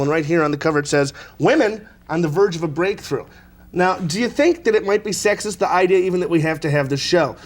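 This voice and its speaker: A man hosting a live call-in TV talk show in a studio, teasing his guests and rambling in a joking way. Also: fairly high pitch.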